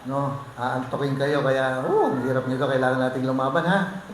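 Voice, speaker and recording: A man with a medium-pitched, expressive voice preaches a sermon at a moderate pace as the pastor in a church hall. He jokes with and teases the congregation, and the hall sounds echoey with faint noise.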